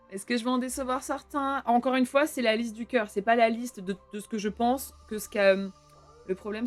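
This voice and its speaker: A young woman streaming live, chatting casually with her viewers and swearing offhandedly. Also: mid-range voice.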